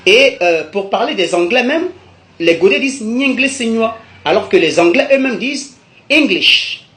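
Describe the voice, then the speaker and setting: A man's voice: high voice, animated, normal speed, fairly bright tone. A man from Côte d'Ivoire, methodically explaining vocabulary in a video lesson and repeating each term for emphasis. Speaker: language teacher. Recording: echoey room.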